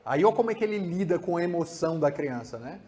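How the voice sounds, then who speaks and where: A man with a Brazilian accent giving a psychology lecture, animated and acting out examples, often adding tag questions. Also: a little high, quick pace.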